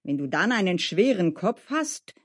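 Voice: mid-range voice, sing-song, normal speed. A storyteller voicing a careful, gloomy male gardener who warns and grumbles, in a storybook reading. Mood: warning. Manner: warning, grumbling.

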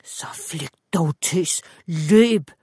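Woman doing a cold demon lover, low hushed threats, dark mellow tone, dry close sound. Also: husky, no echo. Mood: angry.

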